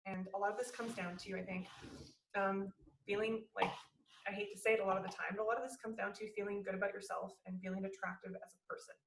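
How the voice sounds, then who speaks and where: A woman in her thirties talks in an easygoing, searching way and often pauses on fillers. Her voice has a heavy gravelly fry. She sounds distant from the mic in a roomy, echoing space. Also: medium pitch, slight background noise. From Canada. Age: 30s. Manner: relaxed and searching, with frequent fillers. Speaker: guest speaker, athlete. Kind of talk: conversational talk. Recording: echoey room, distant mic.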